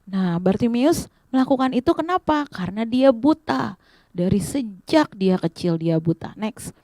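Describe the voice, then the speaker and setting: An animated woman tells a Bible story to children, speaking straight to them. Her voice sits a bit high. The recording is dry and close. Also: measured pace, no echo. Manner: animated, addresses kids directly. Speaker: children's Sunday school teacher.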